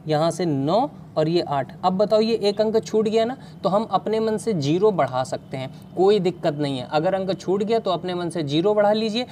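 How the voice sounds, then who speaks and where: A woman's voice: lowish voice, darkish tone, slight background noise. A woman teaching an online math class, explaining step by step and asking questions to the students.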